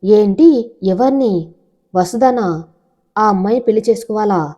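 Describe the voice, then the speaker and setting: A woman's voice: medium pitch, unhurried, warm tone, muffled recording, lightly acted. A woman voicing a proud young male corporate CEO in a storybook, commanding and curt. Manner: commanding, demanding.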